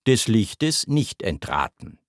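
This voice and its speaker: Vengeful goddess queen voiced by a male reader, scornful verse, lively pitch, slow. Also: no room sound, studio quality.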